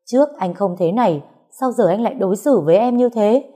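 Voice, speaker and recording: A spiteful young woman rival in an audio story, as a female narrator puts her on whines and accuses in a shrill, high, loud voice. Her lines come out pitched well above the narrator's usual low tone. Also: animated, brisk, slightly rough. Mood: shrill accusing.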